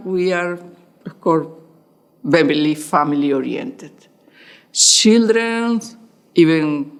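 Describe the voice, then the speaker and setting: An older woman from Venezuela recounts her story in an oral history interview. She speaks slowly and thoughtfully. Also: lowish voice.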